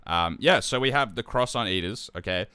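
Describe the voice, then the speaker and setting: A young man hosting a live stream as tournament organizer, chatting casually and relaxed, with lots of ums and restarts. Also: lowish voice, normal speed, smooth, no room sound. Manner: relaxed, with frequent fillers and restarts.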